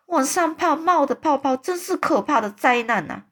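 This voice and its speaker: A woman playing an excitable big friendly giant. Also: high-pitched, pitched above the performer's own voice. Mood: excited. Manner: exclaiming, drawn-out slow emphatic phrasing.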